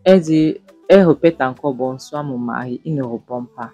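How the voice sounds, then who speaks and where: A man retelling a drama series scene by scene and then commenting on it, speaking straight to his viewers in a lively storytelling way. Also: medium pitch, normal speed, slightly rough, faint music behind. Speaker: series reviewer.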